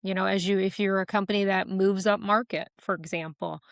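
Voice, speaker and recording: A woman podcast guest talking casually, explaining ideas with quick made-up examples. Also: mid-range voice, fairly even intonation, creaky, dry recording, studio quality. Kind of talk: casual interview talk.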